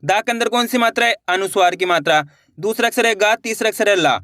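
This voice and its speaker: A man's voice: sits high, fast talker, sharp tone, no echo, clean studio sound. A man teaching an online reading lesson, patiently repeating each word and sounding it out syllable by syllable while encouraging his viewers. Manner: addresses viewers directly and encouragingly.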